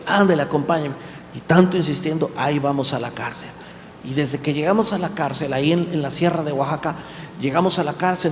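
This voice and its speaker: Pastor preaching in an echoey church. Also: male voice. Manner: emphatic preaching, drops to a hushed tone for stories. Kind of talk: sermon. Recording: echoey hall, faint rumble.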